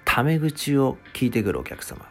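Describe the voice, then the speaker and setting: This podcast host, once a restaurant part-timer, runs a casual solo talk show where he rants in exasperation and acts out what customers said. His mid-range voice swings widely in pitch at a normal speed over soft background music.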